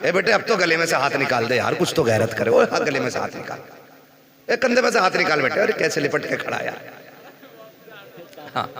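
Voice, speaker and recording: A man's voice: a little high, big pitch swings, fairly quick, pauses often. A man preaching a sermon at a night religious gathering, joking with and directing the audience over a microphone. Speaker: Islamic preacher. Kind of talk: sermon to a crowd. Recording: echoey PA sound with loud crowd.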